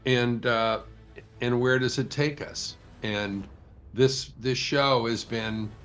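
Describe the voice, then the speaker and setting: A male producer answering an interview question in a thoughtful, measured way. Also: medium pitch, steady tone, a bit bright, faint music behind. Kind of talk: press interview.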